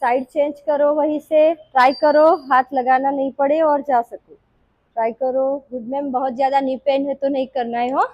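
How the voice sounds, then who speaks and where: A woman leading a live yoga class, calling out poses in short, brisk commands. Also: high voice, flat delivery, highs cut off. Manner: brisk, commanding cues mixing Hindi and English. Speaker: yoga instructor.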